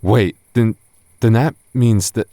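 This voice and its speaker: Here the gentle, nervous goth boyfriend of an ASMR roleplay is voiced by a man with a lowish voice who speaks slowly, soft-spoken and prone to stammering when flustered. The recording is dry, with clean studio sound.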